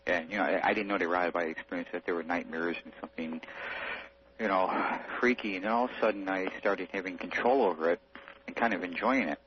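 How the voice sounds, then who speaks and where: Talking fast in a low-pitched voice, this radio phone-in caller rambles earnestly and casually through a personal story. He's heard over a muffled telephone line with a faint hum and background noise.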